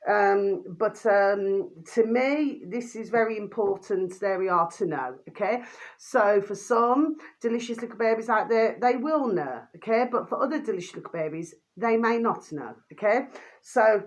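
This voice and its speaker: A woman's voice: mid-range voice, moderate pace. A British woman in her fifties talking casually and ramblingly to viewers, often using pet names and checking in with tag questions. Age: 50s. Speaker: vlogger recommending videos.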